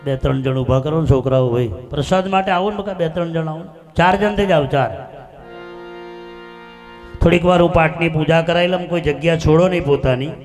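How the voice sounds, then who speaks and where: High-pitched village preacher, storytelling sermon w/ sung bits, instruments playing behind. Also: male voice, fairly quick. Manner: folksy, animated storytelling, breaks into song. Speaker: devotional preacher and bhajan singer. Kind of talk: folk devotional sermon with sung verses. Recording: live music accompaniment behind.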